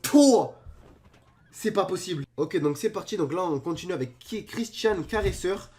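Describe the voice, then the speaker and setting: A young man giving excited reaction commentary on videos, joking and exclaiming in disbelief. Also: high-pitched, a little fast.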